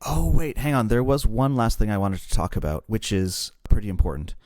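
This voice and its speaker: Low-pitched guy chatting on a podcast, kinda self-deprecating, dead dry mic. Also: lively intonation, a little fast, darkish tone, no room sound. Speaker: podcast co-host. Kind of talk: casual podcast chat.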